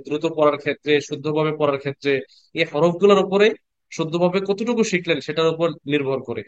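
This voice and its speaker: Guy teaching an online class, smooth clear voice, stretches out letter sounds, kinda muffled call audio. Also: a little high, no echo. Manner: patient, repeats letter sounds slowly and asks the class questions. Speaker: Quran reading teacher. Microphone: computer mic on a video call.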